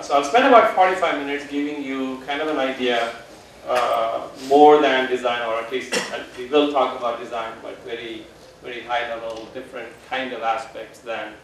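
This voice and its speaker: A man giving a public lecture to students, relaxed and full of "uh" fillers, in a large hall. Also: mid-range voice, creaky, slight background noise. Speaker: guest lecturer. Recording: echoey hall, voice from far off.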